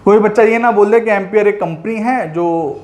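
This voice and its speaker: A man with a high voice teaching a physics class, going through each step and dropping into slow, careful English for definitions. He mixes in playful teasing of his students. The room is echoey and the sound rings around him. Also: a little mellow. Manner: teasing, addresses students as "my dear children".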